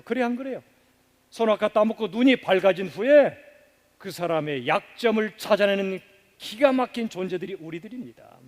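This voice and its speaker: Man, pastor, sermon, high voice, emphatic, hushed endings, long church reverb. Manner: asks the congregation questions and leads them in repeating phrases; emphatic, swings from loud stresses to soft, hushed endings. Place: church sanctuary.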